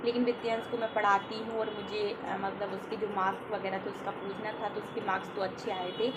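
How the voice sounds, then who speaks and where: A woman's voice: medium pitch, fast. Chatty woman vlogging over traffic noise. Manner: chatty, relaxed storytelling with frequent filler "ना". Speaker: family vlogger, housewife. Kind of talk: casual vlog narration.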